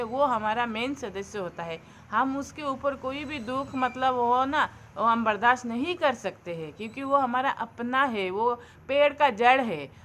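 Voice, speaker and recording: A woman's voice: sits high, a bit bright, slight background noise. A young adult woman vlogger giving earnest, preachy advice to her viewers in a casual monologue.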